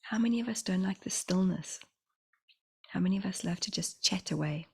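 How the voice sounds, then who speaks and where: A middle-aged woman with a New Zealand accent and a slight lisp, talking in a soft, half-whispered way about spiritual messages and slowing down on key phrases. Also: lowish voice, gravelly, slightly rough. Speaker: spiritual channeler. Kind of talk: casual spiritual vlog talk.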